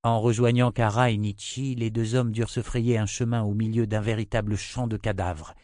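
Man narrating a novel, low voice, steady reading, dry close sound. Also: normal speed, dry recording. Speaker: audiobook narrator. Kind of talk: scripted narration.

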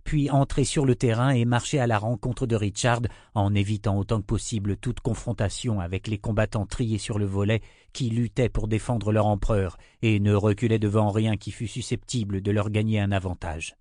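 A man narrates a fantasy audiobook in a measured, steady reading. His voice sits fairly low. The recording is close and dry, with no room sound. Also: no room sound.

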